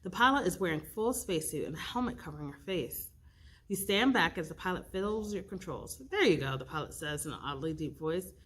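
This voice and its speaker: A woman reading an interactive storybook aloud, expressive and stopping to pick the story's path. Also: low-pitched, slightly rough. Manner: expressive, with slips and restarts, rolling dice for choices. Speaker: youth librarian reading aloud.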